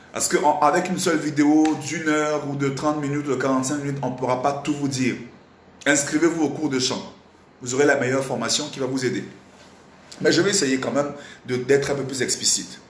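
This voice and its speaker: Slightly hoarse man teaching a singing class. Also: a little high. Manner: animated, repetitive, questions the audience. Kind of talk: live online singing lesson. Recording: roomy echo, faint background noise.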